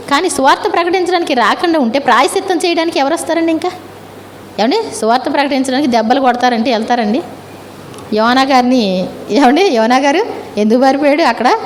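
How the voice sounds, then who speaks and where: A woman's voice: high-pitched, animated, fairly quick, long pauses, slight background noise. A woman preaching a sermon in Telugu, often turning questions to her listeners and answering them herself. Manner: keeps asking listeners "ఏమండి?" with rising questions.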